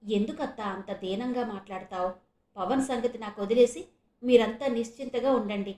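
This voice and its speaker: A woman voicing a kind young man who reassures his aunt warmly. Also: a little high, normal speed, reverberant, natural voice. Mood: reassuring. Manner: warm, reassuring.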